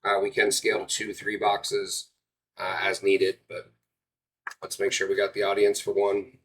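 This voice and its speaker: A man's voice: on the low side, monotone, normal speed, breathy edge, rough recording. A man hosting a live card break, giving casual auction sales patter to viewers.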